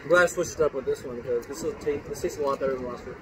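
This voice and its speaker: A man's voice: medium pitch, racing. Man chewing while he talks. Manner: laid-back, slangy. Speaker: food reviewer. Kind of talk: casual food review chat. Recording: noisy traffic outdoors.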